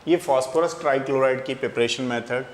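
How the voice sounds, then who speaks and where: In an echoey room with faint background noise, a man lectures on chemistry as in a classroom. His medium-pitched voice moves a little fast as he explains each step and poses questions he then answers.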